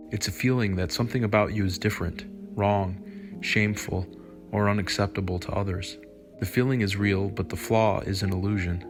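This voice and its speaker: Slick, confident low-voiced man giving advice. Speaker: dating advice host. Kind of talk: scripted narration, dating advice.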